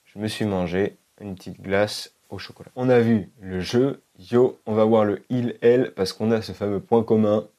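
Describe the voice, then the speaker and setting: A man teaching an online language lesson, explaining step by step and repeating each example slowly. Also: on the low side, fairly even intonation, dark tone. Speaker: Spanish teacher.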